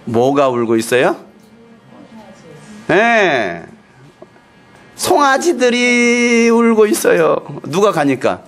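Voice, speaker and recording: A male pastor preaching a sermon, animated and playful, telling stories and acting out quotes. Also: high-pitched, slow pace, long pauses, faint music behind.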